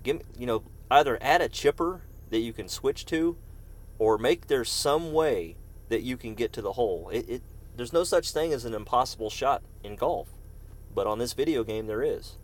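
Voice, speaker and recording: This streamer keeps up casual commentary during gameplay, greeting and chatting with viewers by name, though coughing fits cut him off at times. He speaks at a moderate pace, medium-pitched with lively intonation.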